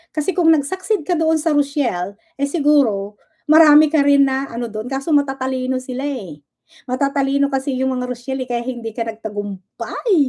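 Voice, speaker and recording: A woman with a high but mellow voice holds forth on her livestream. She is combative and sarcastic, throwing one rhetorical question after another, and drops English words into her talk as she goes. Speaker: livestream host. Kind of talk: casual livestream rant.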